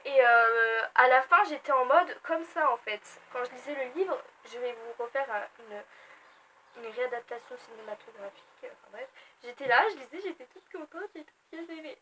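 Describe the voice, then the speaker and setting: Bright high-voiced chatty young woman. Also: normal speed, slight background noise, rough recording. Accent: French. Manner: chatty, animated, self-mocking asides. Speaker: book vlogger. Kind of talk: casual book review vlog.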